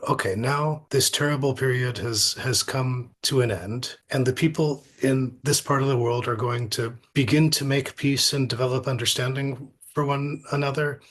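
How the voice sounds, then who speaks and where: As an academic interview guest, a middle-aged man gives reflective, anecdotal answers in a thoughtful, halting way, often repeating words. His voice is medium-pitched with a fairly bright tone.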